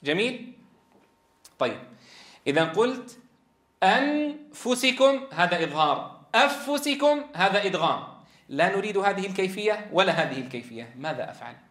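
A man gives a tajweed lecture in an echoey classroom with a board, explaining Quran recitation step by step, questioning the class and drawing out sounds to demonstrate. His high, slightly bright voice is animated and brisk, broken by long pauses.

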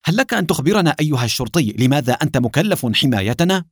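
A man reading an audiobook, voicing a short-tempered male scientist who raises his voice in sharp outbursts. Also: on the high side, big pitch swings, very fast, breathy edge, no echo, studio quality, voice pushed up, exaggerated voice. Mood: angry.

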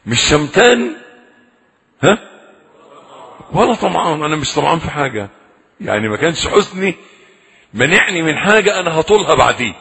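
A man's voice: on the high side, big pitch swings, a little fast, vocal fry, pauses often, pushed and bright, husky. A man with an Egyptian accent preaching a sermon, pleading in prayer and putting questions to the audience. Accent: Egyptian Arabic. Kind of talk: sermon with supplications. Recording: echoey hall recording.

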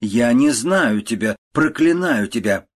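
A man reading aloud and voicing a capricious, cruel old countess who curses slowly and loudly. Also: on the low side, close to an everyday voice. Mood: furious cursing. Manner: loud, slow, cursing exclamations.

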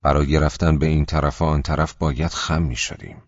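A man with an extremely deep voice reads an audiobook in a measured, steady way. The recording is dry with no room sound, and slightly dull and lo-fi in tone. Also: dry recording. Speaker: audiobook narrator. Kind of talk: scripted audiobook narration.

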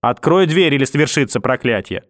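A man's voice: medium pitch, lively intonation, normal speed, dry recording, studio quality, close to an everyday voice. A man reading an audiobook and voicing a furious, vicious old grandmother who scolds, curses and threatens. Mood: threatening.

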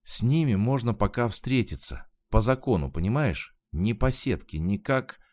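A man reading aloud, voicing a frightened young woman who is near tears, raising his low voice as she pleads in a halting way. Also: animated, a little mellow, lightly acted. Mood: urgent.

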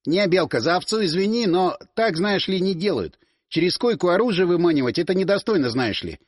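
A man's voice: high voice, animated, a little fast, no echo, studio quality. A man voicing a touchy, indignant teenage boy who sputters when riled, in an audiobook. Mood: sulky.

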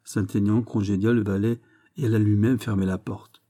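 A man narrating a French historical novel in a measured, low-key audiobook reading. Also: level tone, dark tone.

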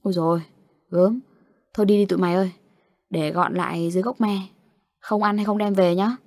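A woman's voice: medium pitch, steady tone, brisk, darkish tone, dry recording, studio quality, natural voice. A woman voicing an easygoing young man who guides his friends in an audio story. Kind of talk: storytelling narration.

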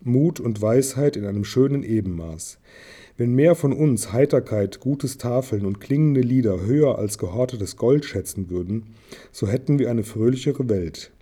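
A man's voice: medium pitch, lively intonation, moderate pace, mellow, slightly rough. A man reading the part of a dying male dwarf king who speaks solemnly and with regret.

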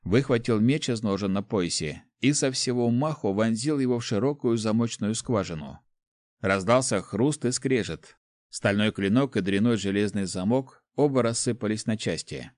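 A man narrating a first-person story as an audiobook, in an even, measured way. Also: on the low side, no echo, clean studio sound.

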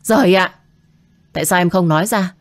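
Firm, protective young man as a woman reads him, low voice, dry mic. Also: brisk, no echo, lightly acted. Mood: exasperated. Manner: short, firm replies. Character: young man, well-off, protective, quick to anger.

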